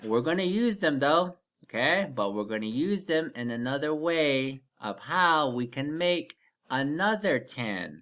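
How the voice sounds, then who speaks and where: This teacher runs a math lesson for children in the style of a kids' program host, with a medium-pitched, slightly bright voice. Counting out loud one step at a time, the teacher poses easy questions and cheers the listeners on. The pace stays slow, with a repeated "okay?" to make sure everyone is following.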